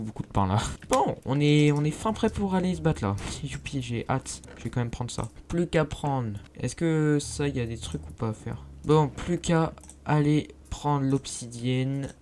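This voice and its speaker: A man's voice: medium pitch, a little mellow. A young man, chatting casually to viewers while playing a survival game, self-mocking and talkative. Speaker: gaming youtuber. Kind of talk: casual let's play commentary.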